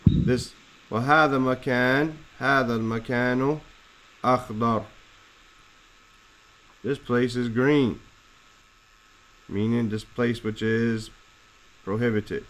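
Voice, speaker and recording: A man teaching a lesson, explaining Arabic words slowly and deliberately, spelling out letters and roots. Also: medium pitch, poor audio. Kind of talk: classroom explanation of Arabic text.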